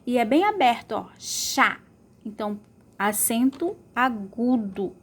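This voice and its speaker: Slow-paced teacher woman. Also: fairly high pitch, darkish tone, slightly rough. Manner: slow, stretches out words to model sounds; checks in with pupils often. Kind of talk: remote school lesson.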